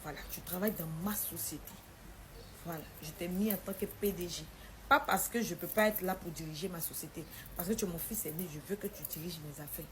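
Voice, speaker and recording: A woman voicing a stern, wealthy older father who lectures his son in a firm, lowered voice. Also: brisk, a little hiss or hum, natural voice.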